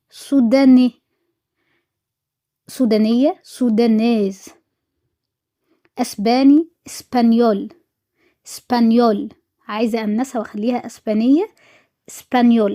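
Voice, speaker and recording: A woman's voice: fairly high pitch, warm tone, highs cut off. A woman with an Egyptian Arabic accent teaching French in an exam review, repeating each word and answering her own questions. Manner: drills words with repetition, asks and answers own questions.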